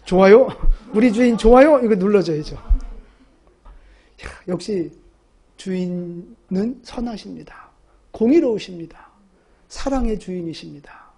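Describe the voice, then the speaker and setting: A woman's voice: mid-range voice, animated, a little slow, long pauses, warm tone, husky. A woman pastor preaching a sermon, emphatic and asking the congregation rhetorical questions.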